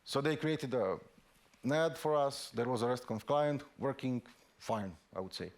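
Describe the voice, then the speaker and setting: With lively intonation, a man whose native tongue is Slovak gives an English technical presentation on a conference stage at a mid-level male pitch. He works haltingly through the material, repeating words, restarting and using lots of fillers.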